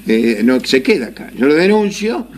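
A man's voice: fairly high pitch, very animated, moderate pace, a little mellow, a little hiss or hum. A man with an Argentine accent telling a casual anecdote, laughing often and acting out the voices of people in his story. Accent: Argentine Spanish.

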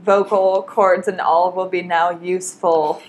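A woman's voice: lowish voice, flat delivery, a little slow. A woman hosting a podcast, reading ads and chatting casually with a guest in an upbeat way. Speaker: podcast host. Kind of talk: casual podcast chat and ad reads. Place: home in Brooklyn.

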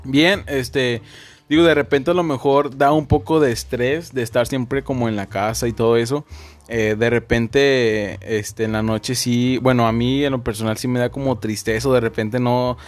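A man's voice: medium pitch, fairly even intonation, moderate pace. Guy guest on a podcast, lots of "este", hesitant, faint music. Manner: hesitant, many fillers. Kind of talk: casual chat.

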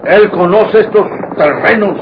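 Urgent soldier in pursuit, highish voice, old radio drama, muffled and noisy. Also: male voice, measured pace.

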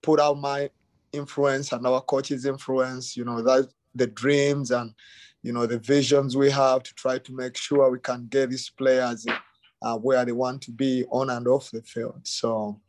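Middle-aged Ugandan-born man, easygoing guest, dry close mic, mid pitch. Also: measured pace, no echo. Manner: relaxed, many fillers like "you know" and "um". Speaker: youth soccer academy director, guest. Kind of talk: casual interview.

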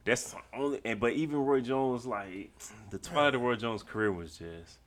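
A man's voice: medium pitch, moderate pace, a bit bright. A man co-hosting a podcast in casual chat, laid-back, slangy and swearing freely. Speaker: podcast co-host.

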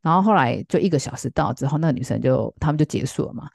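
Fast-talking low-voiced woman telling a story. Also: animated, vocal fry, a little mellow, husky, no echo, clean studio sound. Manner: chatty, full of fillers, acts out quoted lines. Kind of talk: casual storytelling.

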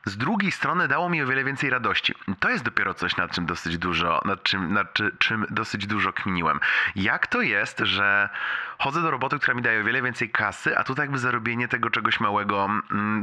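A man's voice: on the low side, a little fast, pushed and bright. A man in his late twenties leaving a casual, rambling, chatty voice message for a friend, self-ironic and given to chuckling, with slang and bits of English. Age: late 20s.

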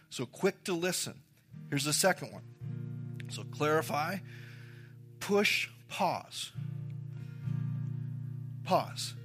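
A man preaching a sermon as pastor, emphatic, repeating key phrases and addressing the congregation directly. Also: a little high.

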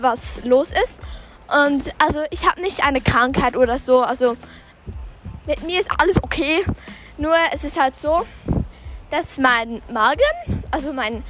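Young female podcast host, high-pitched, speaking while out jogging; informal, halting, self-correcting delivery over background music. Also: fairly bright tone. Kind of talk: casual spoken podcast monologue.

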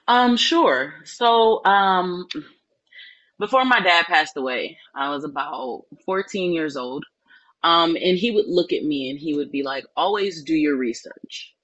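A woman from New Orleans, a spiritual life coach, telling her life story in an earnest, reflective way with many pauses and ums. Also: on the low side, animated, a bit bright, dry recording, lo-fi sound. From New Orleans, Louisiana. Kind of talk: personal storytelling in an interview.

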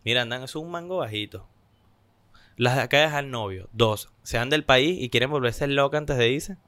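A man's voice: moderate pace, clear, resonant tone, dry recording. A young man with a Venezuelan accent co-hosting a casual podcast chat, telling stories and acting out what people said. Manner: animated storytelling, acts out quotes in higher voices. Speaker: podcast co-host.

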